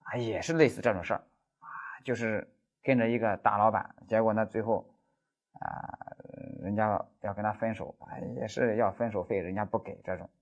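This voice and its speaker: A man's voice: lowish voice, fairly even intonation, normal speed, dull audio. A man giving an exam-prep law lecture as a lecturer, telling stories animatedly with stammered repeats.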